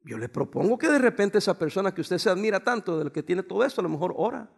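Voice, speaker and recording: High-voiced preacher calling out to his flock. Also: lively intonation, fast talker, creaky, slightly rough. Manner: call-and-response preaching, asks congregation to finish lines. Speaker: pastor. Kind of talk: sermon. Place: church before a congregation.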